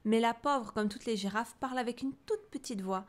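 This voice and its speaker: A woman reading a children's picture book aloud, lively, with soft whispered asides. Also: a little high, brisk. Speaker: storybook reader. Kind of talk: children's story read aloud.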